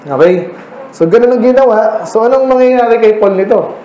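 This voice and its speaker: A Filipino pastor with a fairly high, soft-edged voice teaches a midweek Bible study. He talks in a conversational way, slips into English, and keeps checking in with his listeners. The sound carries an echo from the church hall and a faint hum of ambient noise. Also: moderate pace, lo-fi sound. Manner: conversational, mixing English into Tagalog, asking the congregation questions.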